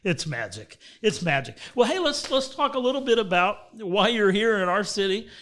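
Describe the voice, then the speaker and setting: A man hosting a podcast interview, chatting in a friendly, eager way with quick chuckles. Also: high-pitched, sing-song, fairly bright tone. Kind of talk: casual interview chat.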